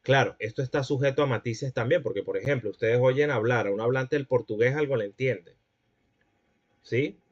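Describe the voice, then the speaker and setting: Guy teaching a class, mid pitch, kinda muffled lo-fi sound. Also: fairly quick. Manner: explanatory, checks understanding with the class. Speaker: lecturer. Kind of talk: classroom lecture.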